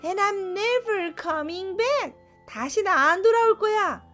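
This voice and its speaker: A woman voicing a small, angry girl who shouts defiantly that she is running away from home, in a storybook reading. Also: very high-pitched, expressive, slow, faint music behind, voice pushed up, exaggerated voice. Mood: furious.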